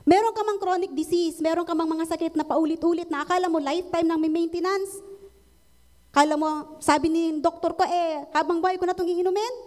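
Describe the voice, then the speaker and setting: A woman's voice: sits high, darkish tone. A woman with a Filipino accent preaching a sermon, switching between Tagalog and English and often asking the congregation for an amen. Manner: mixes Tagalog and English, asks congregation for amens.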